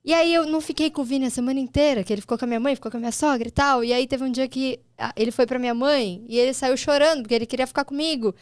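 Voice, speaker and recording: A woman's voice: sits high, rapid-fire, few pauses, clear, resonant tone, dry recording, studio quality. A woman with a Brazilian Portuguese accent hosting a casual conversation, telling stories with emotion. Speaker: host, mother.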